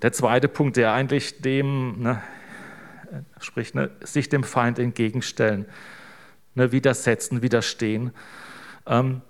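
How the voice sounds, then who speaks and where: A man's voice: mid-range voice, flat delivery, a little slow, long pauses. A man preaching an informal sermon as pastor, in a loose, conversational way that keeps checking in with the listeners. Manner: casual, tags sentences with "ne?".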